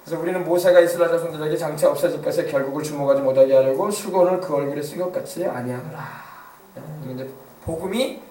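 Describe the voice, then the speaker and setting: A man pastor preaching a sermon, emphatic, swinging between hushed passages and loud exclamations. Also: a little high, fast. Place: church sanctuary. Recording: echoey church sound from a distance.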